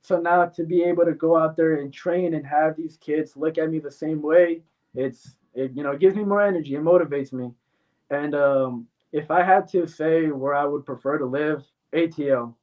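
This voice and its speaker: A man born in Mexico, a fighter answering interview questions bluntly and confidently, with frequent fillers. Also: on the high side. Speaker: MMA fighter guest. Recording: tinny phone-like sound from far off.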